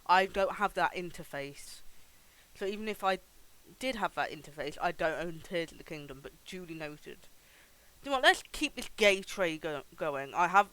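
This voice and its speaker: In a low-quality recording with music behind it, a game streamer chats informally and swears while playing live, now and then reading game text aloud. The mid-range voice is expressive, pushed and bright with a clean tone, at normal speed.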